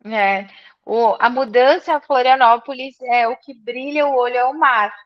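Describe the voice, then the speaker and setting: At a moderate pace, a woman with a fairly high voice and a gaúcho accent speaks reflectively as an interview guest and business mentee, repeating phrases for emphasis. She comes from Serra Gaúcha, Rio Grande do Sul, Brazil, and the recording has its highs cut off.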